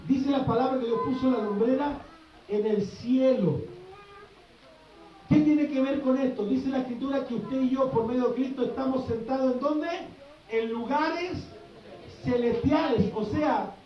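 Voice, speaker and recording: A man's voice: very high voice, dark tone. A man preaching a sermon as pastor, fervent and questioning his congregation. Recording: echoey hall, voice from far off.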